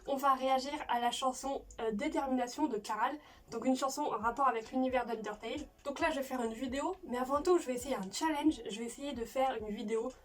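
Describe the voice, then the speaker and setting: High-voiced young woman with a slushy lisp. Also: fast, far from the mic. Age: late teens, young adult. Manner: stiff upper lip from mouth swelling; gushing, informal slang, repeats phrases. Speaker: reaction video host. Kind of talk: casual excited video chat.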